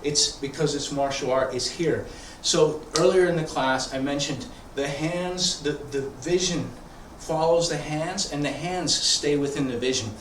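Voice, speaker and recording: A man's voice: on the high side, a little slow, few pauses. Echoey male tai chi teacher, informally explaining. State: throat congested, often clearing it. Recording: echoey room, distant mic, background noise.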